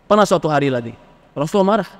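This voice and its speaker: Male preacher, fairly high voice, animated delivery, long reverb of a hall. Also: rapid-fire. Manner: lively, acts out questioners from the congregation. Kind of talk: Islamic sermon on marriage.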